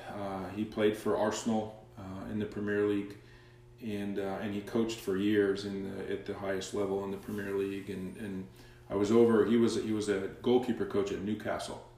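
Man telling stories from far off in an echoey room. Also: lowish voice. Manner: animated storyteller, acts out quoted dialogue. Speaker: guest, soccer coach. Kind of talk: casual interview storytelling.

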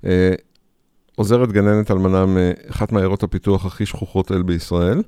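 A man in a radio conversation, telling a story in a lively way and acting out the people in it. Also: deep voice, clear, resonant tone, no echo, studio quality. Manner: storytelling, acts out quoted speech.

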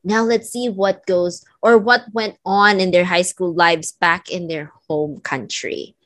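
A woman's voice: lowish voice, unhurried, fairly bright tone, no room sound. A woman hosting a casual podcast chat, laughing often as she talks with her guests. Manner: giggly, chatty. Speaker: podcast host.

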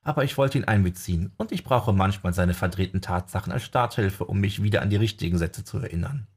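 Man as a tired magician, guarded, deep, husky voice, audiobook. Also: fast talker. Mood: subdued. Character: weary male magician, guarded.

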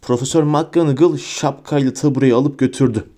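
A man narrating a fantasy audiobook in an expressive storytelling manner. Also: mid-range voice, normal speed. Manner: expressive storytelling with character voices. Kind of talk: scripted narration.

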